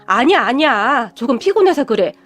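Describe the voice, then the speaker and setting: A woman's voice: high voice, very animated, moderate pace, a bit bright, heavily acted. A woman voicing a weary, proud middle-aged mother who works as a housekeeper, talking in a stubborn, sighing way. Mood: evasive.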